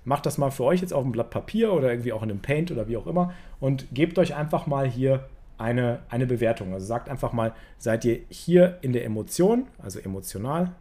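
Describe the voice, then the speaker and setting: Chatty man teaching, mellow voice. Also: mid-range voice, lively intonation, a little fast. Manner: chatty, many fillers, addresses viewers directly. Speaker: poker coach. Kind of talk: casual online lesson at a drawing board.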